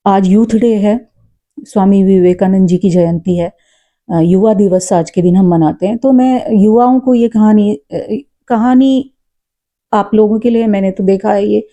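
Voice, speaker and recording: A woman tells a personal story in an earnest, reflective way, often pausing with fillers. Her voice is very dark and mellow. Her pitch sits in a middle range. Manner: says she talks loud and forcefully. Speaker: storyteller vlogger; mother. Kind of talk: casual spoken storytelling.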